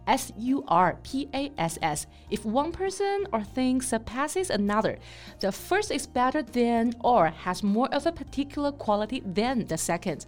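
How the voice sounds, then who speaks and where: A woman's voice: a little high, very animated, unhurried, faint music behind. A woman co-hosting a podcast lesson, explaining English words in a bilingual teaching chat and spelling them out letter by letter.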